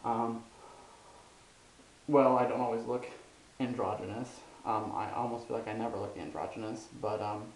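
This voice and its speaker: A man's voice: mid-range voice, fairly even intonation, normal speed. A young man talking casually in a personal vlog, rambling and hesitant with many ums and restarts. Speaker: vlogger. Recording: roomy echo, faint hiss.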